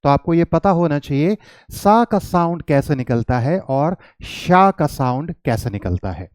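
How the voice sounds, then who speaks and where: A man teaching English pronunciation, explaining patiently in Hindi mixed with English and slowing right down to demonstrate tongue twisters. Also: fairly high pitch, lively intonation, a little mellow, clean tone, dry recording. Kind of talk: spoken lesson mixing Hindi and English.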